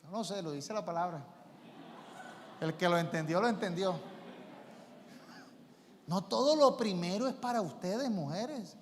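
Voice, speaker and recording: A man's voice: sits high, animated, measured pace, pauses often, slight background noise. A male pastor preaching a sermon emphatically, with rhetorical questions and acted-out quotes. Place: church sanctuary. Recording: long church reverb.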